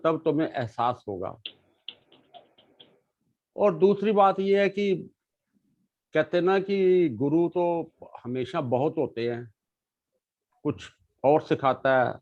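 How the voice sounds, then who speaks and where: Middle-aged man, earnest and halting, talking about his life, dull lo-fi recording with no room sound. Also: a little high, a little mellow, no echo. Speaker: guest sharing his life story. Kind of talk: casual conversation.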